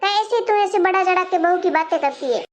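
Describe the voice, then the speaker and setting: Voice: very high-pitched, a little fast. A performer playing a nagging grown daughter who scolds and complains in a comic family skit. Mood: scolding. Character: nagging grown daughter, sharp-tongued and bossy.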